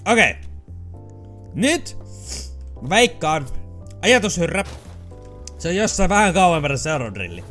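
Excitable, bright-voiced man commenting gameplay. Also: sits high, long pauses, faint music behind. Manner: excitable, swears and yelps, mixes in English phrases. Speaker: let's play gamer.

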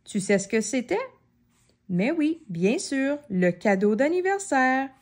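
Lively woman reading a children's story. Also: sits high, takes it slowly. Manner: expressive, addresses the child listener directly. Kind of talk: children's story read-aloud.

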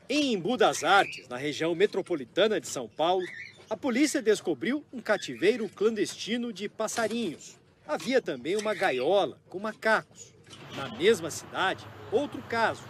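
A male TV reporter with a Brazilian accent, narrating a news report in a measured, grave tone. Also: high-pitched, fairly bright tone, slight background noise. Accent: Brazilian Portuguese.

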